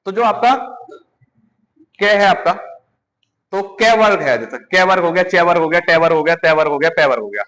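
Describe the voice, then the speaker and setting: High-voiced teacher quizzing his class. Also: lively intonation, normal speed, pauses often, a bit bright. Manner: quizzing students, repeating answers. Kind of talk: classroom lecture. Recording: hall reverb.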